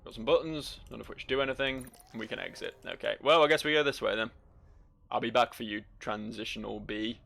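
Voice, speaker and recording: A man hosts a game playthrough, offering casual, wry and sweary commentary and reading game text aloud. His medium-pitched voice is brisk, creaky and a bit bright. Faint noise and game ambience sit in the background.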